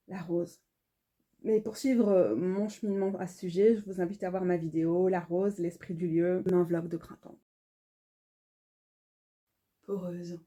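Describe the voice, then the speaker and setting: A woman, calmly reading her own devotional poetry aloud in a measured, incantatory way. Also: on the low side. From Belgium. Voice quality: calm, measured, incantatory delivery.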